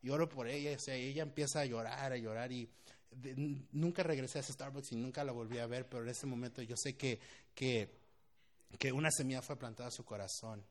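In a storytelling sermon, a young Mexican-accented pastor talks fairly quickly at a medium pitch, spinning funny stories. He's animated, laughs a lot, and often mixes English slang into his Spanish.

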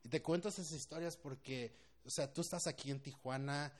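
With a brisk pace and a slightly high voice, a young man with a Mexican Spanish accent preaches a sermon built on humorous stories. Animated and quick to laugh, he frequently slips English slang into his speech.

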